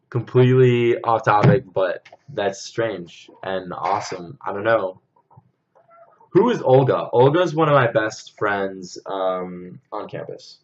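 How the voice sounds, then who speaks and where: A man's voice: on the low side, dull audio. A young man hosting a casual livestream, answering viewer comments in a chatty way full of "like" and "um". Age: young adult. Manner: chatty, filler-heavy, many "like"s and "um"s.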